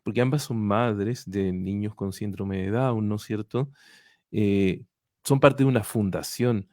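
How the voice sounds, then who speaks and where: A man's voice: lowish voice, a little slow, a little mellow, no room sound, clean studio sound. A man interviewing two guests, asking long questions full of restarts and repeats. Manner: rambling, repeats himself and restarts.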